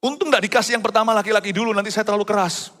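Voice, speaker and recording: Man, middle-aged pastor, lively sermon, fairly high voice, loud outbursts and quiet asides, reverberant hall, faint music. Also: rapid-fire. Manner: animated preaching that swings from loud high exclamations to hushed low asides.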